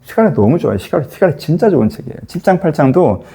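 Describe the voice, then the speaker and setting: A man's voice: fairly high pitch, very animated, very fast, vocal fry, dark tone. A male pastor teaching a Bible reading in a casual, conversational way, often turning to listeners with rhetorical questions.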